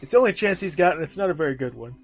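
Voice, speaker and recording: A man's voice: a little high, lively intonation, racing, soft background music. A sleep-deprived man chatting casually as co-host of a fan commentary, animatedly mimicking characters as he talks. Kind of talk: casual chat. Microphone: home microphone.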